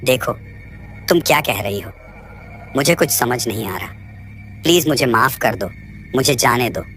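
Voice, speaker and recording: A man's voice: mid-range voice, expressive, a little slow, sharp tone, faint music behind. A man voicing a frightened young man. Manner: frightened, pleading. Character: frightened young man visiting a haunted ruin. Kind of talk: storybook narration.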